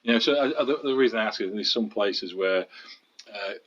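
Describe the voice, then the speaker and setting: Deep husky man asking about local history. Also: a little fast, a bit bright. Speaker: interviewer. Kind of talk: oral history interview. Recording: dull lo-fi recording.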